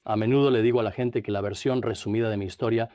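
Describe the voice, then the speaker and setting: An older man from New Jersey, a priest and interview guest, recounting his life in a measured, reflective way. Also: lowish voice, steady tone, mellow, no room sound. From Trenton, New Jersey, USA. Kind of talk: studio interview, dubbed.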